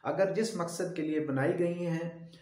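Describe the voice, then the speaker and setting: In a very echoey classroom, this teacher walks through English grammar step by step, posing questions and answering them himself. He speaks a little slowly, his high-leaning voice darkish in tone with fairly even intonation.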